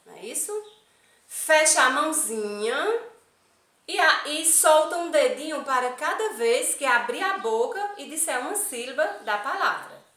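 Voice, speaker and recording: A woman teaching young children to read, speaking slowly and clearly, and often checking in with "não é isso?". Her voice is bright and lively, rising and falling a lot. She is recorded in an echoey room, a little away from the mic. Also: sits high, recorded from a distance. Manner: asks many questions, counts aloud, tag questions like "não é isso?". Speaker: primary school teacher. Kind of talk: slow, patient literacy lesson for young children.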